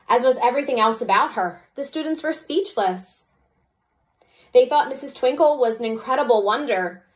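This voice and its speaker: A second-grade teacher reads a storybook aloud with lots of expression, slipping in chatty asides to explain things to the children. Her voice sits on the high side, and the audio quality is poor.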